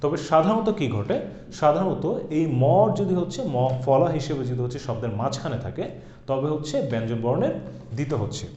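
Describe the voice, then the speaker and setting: A man's voice: a little high, expressive, a little fast, darkish tone. A man giving a recorded exam-prep grammar lecture, explaining step by step and repeating example words. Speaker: grammar teacher. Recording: echoey room, dull lo-fi sound.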